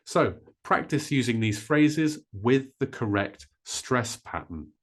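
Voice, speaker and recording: Lively-voiced male English teacher. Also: fairly low pitch. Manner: clear, deliberate modelling of stressed words. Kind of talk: scripted pronunciation lesson.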